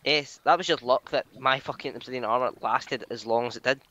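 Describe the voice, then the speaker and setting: A man giving casual gameplay commentary, excitable, teasing and swearing as he plays. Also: medium pitch, brisk, muffled recording. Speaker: gamer.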